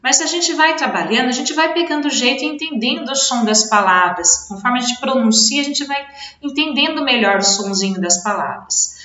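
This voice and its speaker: A Brazilian Portuguese-speaking woman teacher giving a video lesson to children, explaining patiently, repeating words slowly and stressing their syllables. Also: high-pitched, lively intonation, sharp tone. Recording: echoey room, dull lo-fi sound.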